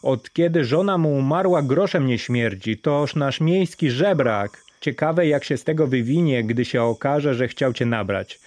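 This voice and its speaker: A man's voice: mid-range voice, lively intonation, a little slow, few pauses, a little mellow, dry recording, pitched above the performer's own voice, close to an everyday voice. A man voicing mocking townspeople who jeer at a beggar in a scornful manner. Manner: jeering, scornful. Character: mocking townsfolk crowd, jeering. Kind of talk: audiobook fairy tale reading.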